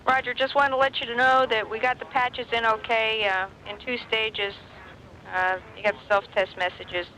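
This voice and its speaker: A man's voice: high-pitched, level tone, moderate pace, bright, forceful tone, slight background noise, rough recording. A man speaking as a mission control communicator, clipped and businesslike, over a breaking-up space radio link. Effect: breaking-up space radio transmission. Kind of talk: procedural space-to-ground radio chatter.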